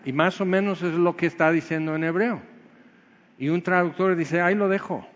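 Male preacher, higher voice, lively swings from loud to hushed, long hall echo, dull recording. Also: moderate pace. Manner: animated, swings between loud exclamations and low quiet asides. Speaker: pastor. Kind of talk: sermon.

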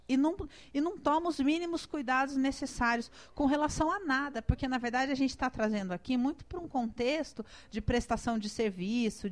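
A woman with a Brazilian Portuguese accent, preaching in a conversational, emotional way and telling her own story. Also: high-pitched. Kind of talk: sermon with personal testimony.

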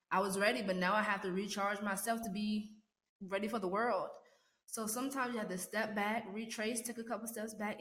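A mid-range female voice belongs to a podcast host who talks straight to her listeners, upbeat and encouraging, in a laid-back motivational show. The setting is a sparsely furnished home room with noticeable echo.

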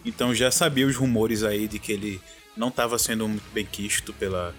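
A man's voice: lowish voice, fairly even intonation, a little fast, a bit bright, faint music behind. A Brazilian man chatting casually as a podcast panelist. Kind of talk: casual chat.

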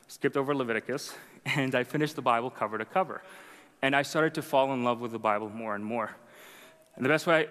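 A young man with Arabic as his mother tongue speaks in a large hall, his medium-pitched voice fairly bright. Telling the audience about his journey to faith, he stays conversational and self-deprecating, regularly checking in with "right?"

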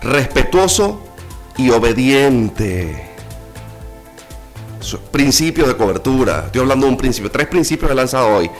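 A man's voice: mid-range voice, sing-song, measured pace, pauses often, faint music behind. A male pastor preaching a sermon, emphatic and rising in exclamations, with playful asides.

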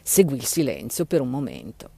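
A man narrating an audiobook with expressive, animated storytelling. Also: mid-range voice, moderate pace, vocal fry, husky, dry recording.

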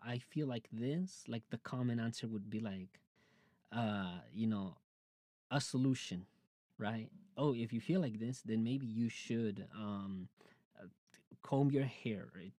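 A man in his late twenties hosts his own podcast, talking casually and openly about his life in a rambling monologue full of fillers and restarts. His mid-range voice has a dark tone, and the recording is dry and studio-clean.

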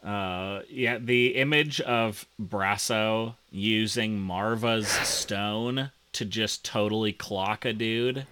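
A man co-hosting a casual chat, talking slowly and haltingly with lots of fillers as he reviews a TV episode. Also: fairly low pitch, fairly even intonation, bright, forceful tone, smooth, no echo. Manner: slow, hesitant, many fillers. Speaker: podcast co-host.

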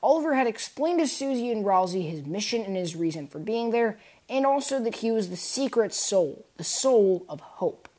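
A woman reading a fan adventure story aloud at a mid-range pitch. She narrates expressively, shaping the scenes like a storyteller. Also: moderate pace, hardly any pauses. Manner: expressive storytelling, voicing characters.

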